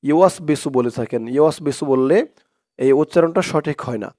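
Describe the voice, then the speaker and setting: A man teaching Quran reading, spelling out Arabic words letter by letter and chanting them slowly for viewers to repeat. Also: mid-range voice, mellow. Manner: slow, patient drilling with drawn-out chanted recitation; addresses viewers directly as "dorshok".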